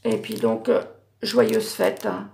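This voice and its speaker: A middle-aged woman, talking through her handmade crafts in a relaxed, halting way. Her voice is gravelly and a little hoarse, pitched somewhat high, and she stops often to correct herself. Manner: hesitant, many fillers and self-corrections. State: voice going hoarse. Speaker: craft YouTuber. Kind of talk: casual show-and-tell of handmade cards.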